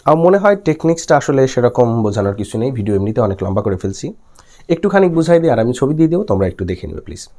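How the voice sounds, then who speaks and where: This is a young man from Bangladesh giving a recorded lecture, his voice rising and falling in a lively way. He reads out English lines at a slow, deliberate pace and then explains them again. He keeps asking his listeners questions and answering them himself. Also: medium pitch. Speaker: teacher. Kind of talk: recorded exam-prep lecture.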